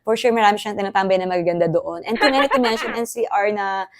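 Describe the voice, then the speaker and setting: A Filipino woman vlogging in a casual, excitable way, chatty and quick to laugh. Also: medium pitch. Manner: chatty, excitable, code-switching, laughs often. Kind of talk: casual vlog chat.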